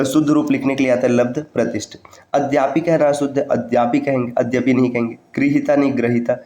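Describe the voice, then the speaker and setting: A man's voice: medium pitch, a little mellow. Methodical male Hindi teacher, echoey room. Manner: methodical, repeats each word and its correct form; addresses students directly to remember points. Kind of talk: exam-prep spelling lesson.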